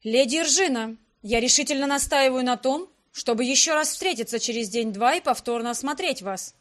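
A woman's voice: on the high side, normal speed, natural voice. A woman reading a worried noble father. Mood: formal. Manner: anxious, then loud and formal. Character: worried caring father, a lord and light mage.

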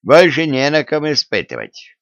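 A man's voice: on the high side, huge pitch swings, normal speed, creaky, fairly bright tone, no room sound, lo-fi sound, voice pushed up, exaggerated voice. Fawning folksy executioner, read by a man. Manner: wheedling, folksy, pleading. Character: fawning, eager male royal executioner.

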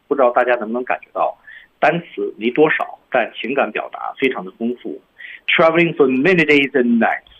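A male guest teacher explaining English voice-over delivery, modelling lines with drawn-out stress, a little off-mic. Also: on the low side, husky. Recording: dull lo-fi radio sound, voice a bit off-mic.

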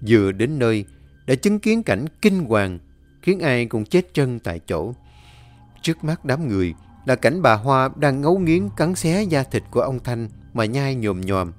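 A man tells a village horror tale in a measured, dramatic narrating voice. His pitch sits in the middle range. Faint music plays quietly beneath him. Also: big pitch swings. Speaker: storyteller. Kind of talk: scripted horror audiobook narration. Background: faint background music.

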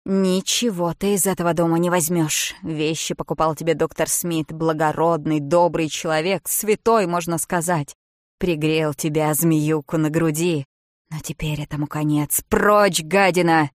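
A woman voicing an elderly grandmother who shrieks accusations in shrill, loud outbursts. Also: steady tone, a little slow, dry recording, studio quality. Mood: shrieking furious.

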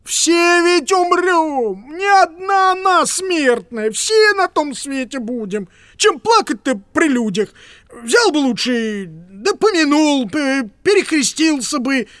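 A woman's voice: high voice, animated, takes it slowly, fairly bright tone, no echo, clean studio sound, voice pushed up, heavily acted. Woman reading as a fussy, muddled old clerk. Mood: scolding. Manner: rambling, stammering, fretful. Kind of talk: audiobook reading.

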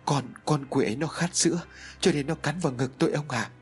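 A man's voice: fairly high pitch, a little fast, faint music behind, pitched above the performer's own voice, natural voice. A man voicing a terrified middle-aged village mother who pleads frantically through sobs. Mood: terrified sobbing.

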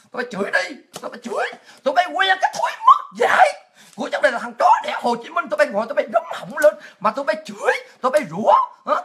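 A high-pitched woman rants in a monologue, her voice bright and piercing. She shouts and mocks, breaking into scornful laughs. She talks like a political commentator on a livestream. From Vietnam. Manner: shouting, mocking, with crude insults and laughs.

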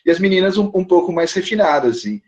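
A Brazilian man talks casually with a very lively, swooping voice. He is relaxed and slangy, and his audio sounds dull and lo-fi. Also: sits high, quick pace. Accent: Brazilian Portuguese. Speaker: panelist. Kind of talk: casual roundtable chat.

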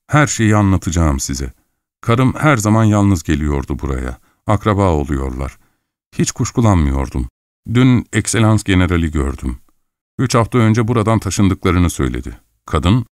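A fussy middle-aged husband in a fur coat, pleading and apologetic, his low voice rising and falling in flustered swings, as a male audiobook reader puts him on. The sound is dry and close, with no room around it. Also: darkish tone, no echo.

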